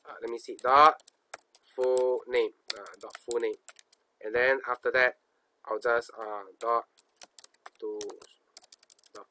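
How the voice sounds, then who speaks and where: A man's voice: medium pitch, steady tone, slow, pauses often, pushed and bright, a little hiss or hum. A man with a Singaporean accent giving an informal coding tutorial, thinking aloud in colloquial speech, asking himself questions and repeating phrases. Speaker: programming instructor.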